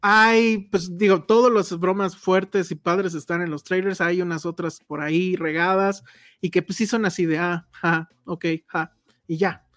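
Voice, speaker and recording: A woman's voice: on the low side, fairly even intonation, normal speed. A woman with a Mexican Spanish accent chatting casually as a film reviewer, slangy and full of hedges. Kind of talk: casual movie review chat.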